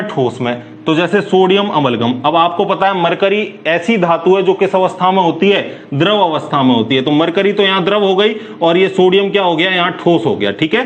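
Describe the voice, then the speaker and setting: A man teaching a chemistry class, firing quick questions at students and answering them himself in a brisk, chatty way. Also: high-pitched, dull audio. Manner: calls listeners "bhai", brisk and chatty. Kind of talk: classroom lecture.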